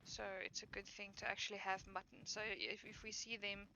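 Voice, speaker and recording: A woman's voice: mid-range voice, level tone, fairly quick, sharp tone. A woman giving casual commentary while playing a survival game, tired and yawning, rambling and correcting herself with many fillers. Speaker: gaming streamer. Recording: dull lo-fi mic with faint noise.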